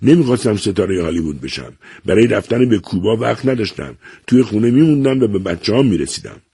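A man's voice: lowish voice, animated, warm tone, husky, dry recording, studio quality, voice pushed up. A man reading a novel aloud, voicing an elderly doctor who curtly and impatiently scolds his grown son. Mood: angry scolding. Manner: curt, commanding, exasperated.

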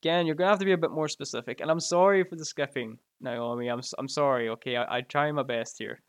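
A man's voice: mid-range voice, fast talker, clear, resonant tone, no room sound. A Scottish man with a Glaswegian accent, chatting casually on a live stream in his home, joking and laughing often into a close microphone. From Scotland. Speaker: live streamer reading chat. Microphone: close mic right in front of the mouth.

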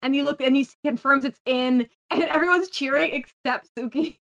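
High-voiced excitable woman podcaster. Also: moderate pace, vocal fry, dull audio. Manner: excitable, gushing, full of "like". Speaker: podcast host. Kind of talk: casual podcast chat.

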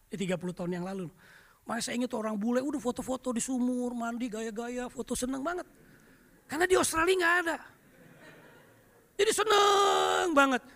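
A middle-aged man preaches in a high, bright voice, spinning lively stories from the pulpit. He keeps turning to speak straight to the congregation. His voice rings with the long reverb of a church hall. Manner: lively anecdotal storytelling, often addresses the congregation. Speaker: pastor. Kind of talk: storytelling sermon.

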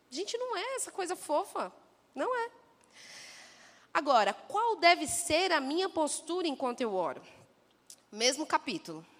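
A woman preaching a sermon who talks straight to the congregation and mimics people in a lively way. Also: high-pitched. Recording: long echo of a church hall.

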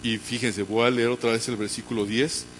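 A man preaching a sermon as pastor, fervent and swinging from hushed to loud. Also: medium pitch, little pitch movement, a little fast, slight background noise.

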